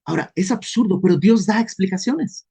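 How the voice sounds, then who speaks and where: Mexican guy doing a bible study, kinda high warm voice, jokes about himself a lot. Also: fairly quick, gravelly, husky. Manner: lively, conversational, self-deprecating humor; acts out questions in quoted voices. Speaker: Bible teacher.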